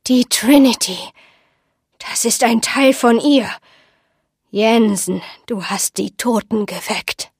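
A woman voicing an eerie old village woman who speaks in a slow, breathy whisper of omens. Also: mid-range voice, no room sound, studio quality, heavily acted. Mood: agitated. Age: over 60. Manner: slow, ominous, sniffing. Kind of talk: audiobook reading.

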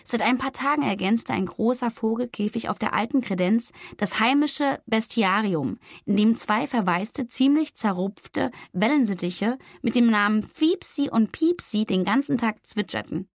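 A woman reading a novel aloud in calm, measured scripted narration. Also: a little high, no echo, studio quality. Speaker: audiobook narrator.

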